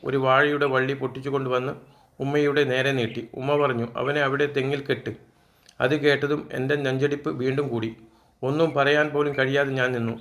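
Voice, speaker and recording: A man's voice: mid-range voice, a bit bright. A man narrating a first-person childhood story as a storyteller.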